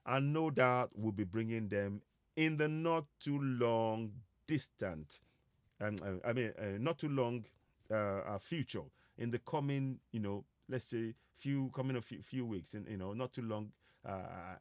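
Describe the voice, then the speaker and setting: A slow, halting man with a lowish voice hosts an online broadcast, delivering a live advocacy monologue to viewers. Originally from Yorubaland in West Africa, he speaks Yoruba as his first language and repeats himself with many hesitations. There's no echo in the recording.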